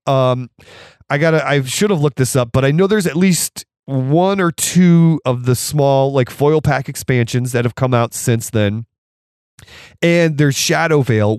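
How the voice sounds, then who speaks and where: Raspy-voiced man with a cold, enthusing. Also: mid-range voice, a little mellow, no room sound, studio quality. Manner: enthusiastic, laughs often. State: hoarse from a cold. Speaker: podcast host reviewing board games. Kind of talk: casual podcast talk.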